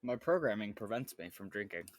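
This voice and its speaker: A player voicing a robotic adventurer construct in flat, clipped denials, in a dry close recording. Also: low-pitched, brisk, no room sound, pitched below the performer's own voice. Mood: deadpan.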